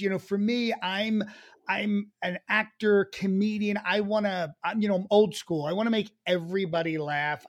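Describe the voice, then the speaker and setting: Male comedian guest, high voice, animated, eager. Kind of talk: interview chat.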